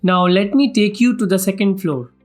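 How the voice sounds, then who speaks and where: A man's voice: sits high, normal speed. A man with an Indian accent giving a formal, scripted property tour as a vlog host, in a salesman-like way. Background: background music.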